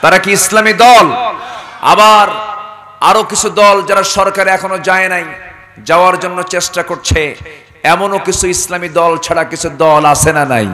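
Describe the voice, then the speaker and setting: A man's voice: sits high, level tone, moderate pace, pushed and bright. A man preaching a fiery sermon to a crowd, demanding call-and-response and dropping into joking asides. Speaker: preacher at a waz gathering.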